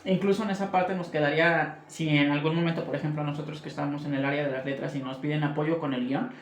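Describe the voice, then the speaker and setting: Male moderator, conversational, fairly high pitch, roomy sound. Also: fairly even intonation, fast talker, a little hiss or hum. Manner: conversational, asks for agreement with "¿no?". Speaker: moderator and literature teacher. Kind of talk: moderating a discussion. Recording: echoey room.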